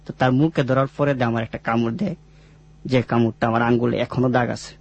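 Gravelly young man, rural Mymensingh accent. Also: mid-range voice, flat delivery, brisk. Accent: rural Mymensingh-region Bangladeshi. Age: 20s. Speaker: guest telling his life story. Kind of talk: informal personal storytelling in dialect.

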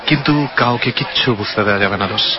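A man's voice: fairly low pitch, quick pace, a crowd in the background, close to an everyday voice. An actor playing a decisive young male student who leads his friends in an audio drama mystery. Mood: secretive, determined. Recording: muffled lo-fi, loud music behind.

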